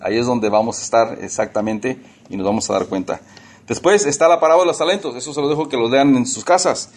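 A man's voice: mid-range voice, fast talker. A man preaching a casual, conversational sermon, often repeating and restarting his words.

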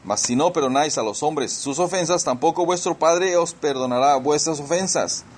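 A man with a somewhat raised pitch preaches a sermon and walks his listeners through a Bible passage one verse at a time. He stresses key words by repeating them and turns to the congregation as brothers and sisters. A faint hiss sits under his voice. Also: moderate pace. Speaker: pastor.

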